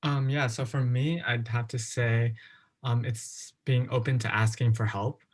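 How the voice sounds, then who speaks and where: A young man on a team video call, soft-spoken and hesitant. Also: medium pitch, fairly even intonation, a little slow. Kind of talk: casual group meeting chat.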